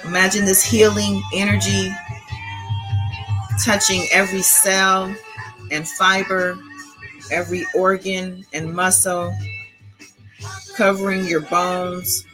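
A woman guiding a breathing meditation in a calm, meditative, slow and deliberate way. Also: mid-range voice, over music, low-quality recording. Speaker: host of an online spiritual channel.

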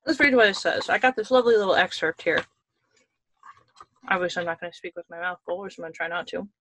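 A woman's voice: on the low side, quick pace, a bit bright, no echo. Chatty woman tasting snacks on a call, repeats herself a lot, dry close sound. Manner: chatty, repeats words, laughs often. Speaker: podcast co-host. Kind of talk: casual chat, tasting snacks. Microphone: video call.

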